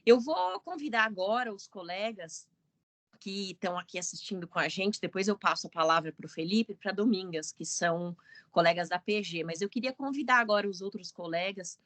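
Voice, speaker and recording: A woman's voice: medium pitch, expressive, brisk, a bit bright, no room sound. A woman hosting an online student meeting, welcoming newcomers in a chatty, casual way over a video call. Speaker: meeting host, student association coordinator.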